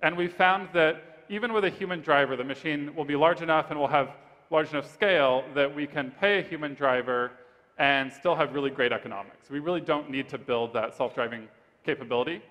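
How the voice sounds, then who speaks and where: Guy founder pitching on stage, kinda high voice, big echoey hall. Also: fairly quick, fairly bright tone. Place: large event hall stage. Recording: reverberant conference hall.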